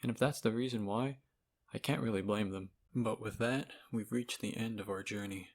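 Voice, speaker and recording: Recorded through a cheap microphone, this game reviewer talks at normal speed with a lowish voice and fairly even intonation. His video essay commentary is casual and opinionated, full of sarcasm, profanity, and informal phrasing.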